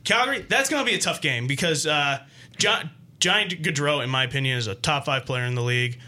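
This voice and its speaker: An American man chats through hockey analysis as a podcast co-host. His voice is bright and a little high for a man, and he often doubles back on words while making a point. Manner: halting, repeats words as he explains.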